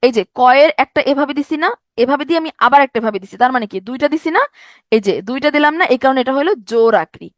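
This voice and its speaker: A woman's voice: high voice, rapid-fire, dry recording, clean studio sound. A young woman giving an exam-prep grammar lecture, explaining step by step and asking rhetorical questions. She sounds tired from a sleepless night. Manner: explanatory, asks rhetorical questions, repeats points. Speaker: teacher.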